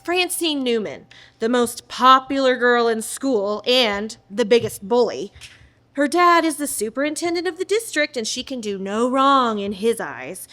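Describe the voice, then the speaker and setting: Woman doing a shy haunted teen in a radio drama, bright highish voice, shaky. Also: sing-song, a little slow, full character voice. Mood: subdued. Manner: shaky recollection. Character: shy, lonely teenage student telling a trauma.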